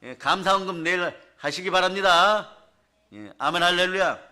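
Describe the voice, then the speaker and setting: A man preaching a revival sermon in a church, telling a story with lively, acted-out scenes. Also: sits high, normal speed, clean tone. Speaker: pastor. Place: church sanctuary.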